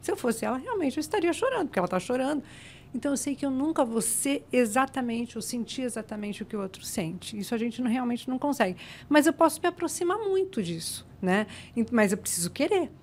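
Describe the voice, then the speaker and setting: Expressive woman psychologist explaining. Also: on the high side, quick pace, a little hiss or hum. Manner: lively, explanatory, leans on rhetorical questions. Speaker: psychologist guest. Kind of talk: conversational podcast interview.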